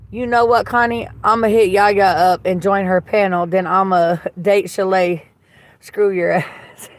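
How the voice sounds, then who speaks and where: Hosting a livestream, this woman has a mid-range, slightly raspy voice. Her chatter is casual, and she goes through viewer comments bluntly and gossipily, with plenty of swearing.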